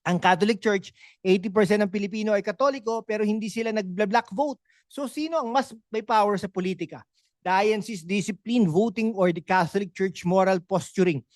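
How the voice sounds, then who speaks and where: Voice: medium pitch, fairly quick, no room sound, clean studio sound. A host with a Filipino accent giving political commentary on a vlog, sarcastic and full of rhetorical questions and tag questions. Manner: conversational, with frequent tag questions.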